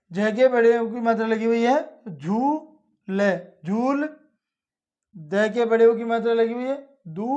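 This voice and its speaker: A man teaching children to read Hindi, spelling out each syllable slowly and repeating it, with a Hindi accent. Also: sits high, a little mellow. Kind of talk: slow instructional lesson. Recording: dull lo-fi audio.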